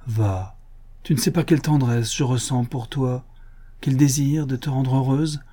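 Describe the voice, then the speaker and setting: A man reading aloud voices a gentle young fiancé who coaxes and reassures his bride. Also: mid-range voice, unhurried, slightly rough. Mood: tender.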